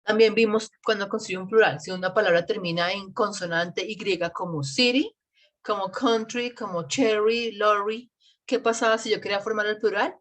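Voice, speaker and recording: A woman's voice: medium pitch, steady tone, normal speed, fairly bright tone. Woman, English teacher, patient, spells out examples, online class, computer mic.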